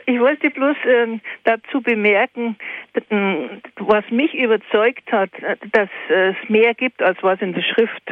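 A woman's voice: mid-range voice, dry recording. A woman calling in to a radio show over the phone, making a hesitant remark with many fillers. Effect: phone line into a radio show. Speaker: caller. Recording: tinny dry phone line.

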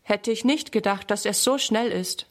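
A woman's voice: medium pitch, normal speed, lightly acted. A woman voicing an earnest little girl in a read-aloud children's storybook, speaking in a matter-of-fact way.

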